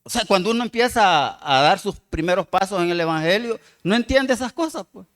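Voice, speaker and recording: A man preaching a sermon, reading scripture slowly and loudly and calling the congregation "hermanos" again and again. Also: high voice, lively intonation. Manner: addresses the congregation with frequent "hermano" and "amados hermanos". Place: church.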